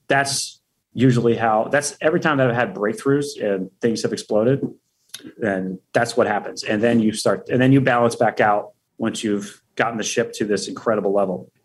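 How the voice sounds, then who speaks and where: A man speaking as a podcast guest in a casual interview, energetic and profane, full of hype. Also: lowish voice, husky.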